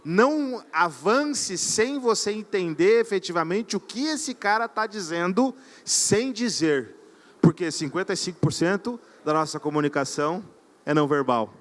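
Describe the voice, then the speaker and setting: A man with a fairly high voice delivers a live sales talk from an event stage. He speaks with energy and keeps firing questions at the audience to pull them in. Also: lively intonation, moderate pace. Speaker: conference speaker.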